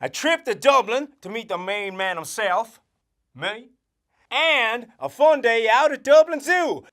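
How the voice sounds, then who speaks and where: Here a road-safety mascot, a hammy cowboy sheriff, speaks to children in a scripted safety promo. With a fake American cowboy drawl, a mid-range voice, lively intonation and a measured pace, the delivery stays cheerful and over the top, with catchphrases shouted out.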